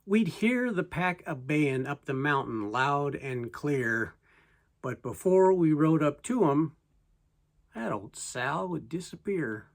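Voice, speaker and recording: A person with a reciting poetry as a story in verse, in a folksy way with deliberate pauses. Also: medium pitch, very animated.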